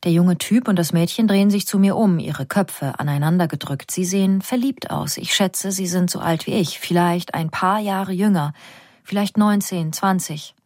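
A woman's voice: moderate pace, a little mellow, no echo. Woman narrating a novel, dry close sound. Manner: reads character quotes with slightly raised pitch. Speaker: audiobook narrator. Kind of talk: literary narration in first person.

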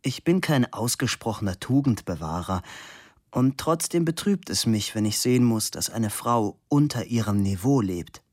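A man's voice: medium pitch, lively intonation, moderate pace, a little mellow, close to an everyday voice. A man reading aloud, voicing an idle, observant young man who makes dry, ironic remarks. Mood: earnest.

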